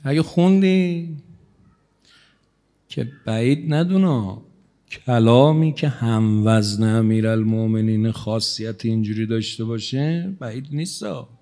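A male cleric giving a religious sermon in a conversational, teasing manner, his loudness rising and falling as he speaks. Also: on the low side. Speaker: cleric preacher.

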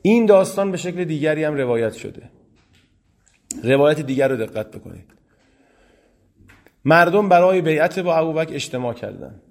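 A man giving a lecture on early religious history. He reads classical Arabic quotations slowly and then explains them in quick, conversational Persian. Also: a little high, expressive, darkish tone.

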